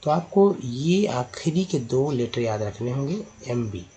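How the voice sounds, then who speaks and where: Male teacher explaining a lesson patiently, middle pitch, light background noise. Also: lively intonation, measured pace, dark tone. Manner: repeats words, corrects himself mid-sentence. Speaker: English teacher.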